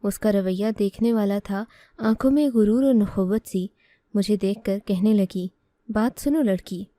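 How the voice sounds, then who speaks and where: A woman narrating a first-person story in a steady, earnest way. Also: medium pitch, measured pace, no echo.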